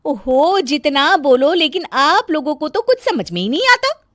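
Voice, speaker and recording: A woman voicing a bossy, fault-finding young wife in a cartoon, shrill and scolding. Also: sing-song, normal speed, a bit bright, no room sound, studio quality.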